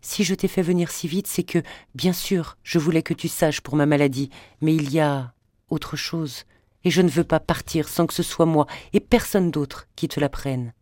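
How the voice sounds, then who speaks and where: A narrator voicing a gravely ill older mother who speaks softly and faintly, in a storybook reading. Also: low-pitched, normal speed, dry recording, natural voice. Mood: hushed. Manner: soft, faint, hushed delivery.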